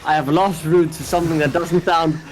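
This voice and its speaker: A man with a Danish accent casting an esports match, excitable and jokey, shouting at big plays. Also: a little high, fairly quick, slight background noise. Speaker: esports caster. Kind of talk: play-by-play commentary.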